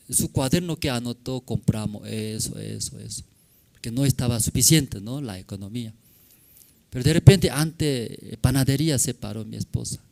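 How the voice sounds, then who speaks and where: A male pastor with a Korean accent, a native Korean speaker, telling a personal story in a sermon in simple broken Spanish, often checking in with tag questions. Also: mid-range voice. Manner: animated, acts out shouting in the story.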